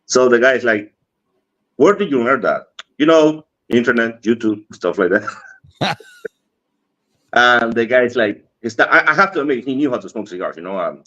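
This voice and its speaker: A man's voice: medium pitch, expressive, normal speed, pauses often, sharp tone. A man from the Dominican Republic with a Dominican Spanish accent, telling a story casually, acting out the dialogue and often laughing. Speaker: cigar industry guest. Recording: dull lo-fi stream audio.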